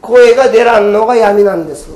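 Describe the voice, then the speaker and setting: High-voiced man preaching in an echoing hall. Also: a little fast, darkish tone. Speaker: Buddhist preacher. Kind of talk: sermon. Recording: very echoey hall, mic far off.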